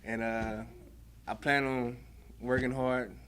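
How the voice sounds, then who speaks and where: A man's voice: medium pitch, level tone, slow, fairly bright tone, slight background noise. A man giving a brief, shy graduation speech, uneasy about being filmed. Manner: shy, awkward about the camera. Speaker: program graduate.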